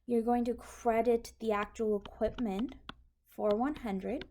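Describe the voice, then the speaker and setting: In a clearly noisy recording with clicks, a woman teaches accounting in an informal, step-by-step tutorial, explaining over handwritten notes. Her voice is slightly high, steady and warm, at a measured pace.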